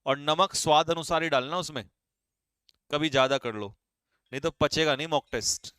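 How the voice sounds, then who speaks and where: Brisk, teasing male exam-prep teacher; bright, crisp voice, slightly high. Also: no echo, studio quality. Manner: brisk, quizzing students and teasing them. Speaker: English vocabulary teacher. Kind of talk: live online exam-prep class.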